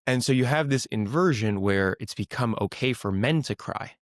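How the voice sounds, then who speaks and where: A man's voice: mid-range voice, lively intonation, moderate pace, no echo, clean studio sound. A man hosting an interview podcast, chatty and opinionated, with frequent "like"s as he riffs on ideas. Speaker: podcast host. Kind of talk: interview conversation.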